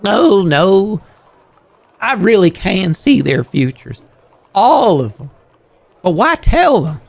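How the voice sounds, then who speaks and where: A man's voice: high-pitched, sing-song, slow pace, vocal fry, dry recording, voice pushed up, full character voice. A man voicing a squat, fearful game creature, a reluctant fortune teller who talks hesitantly and evasively. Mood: weary, evasive. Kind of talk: voiced game character on a livestream.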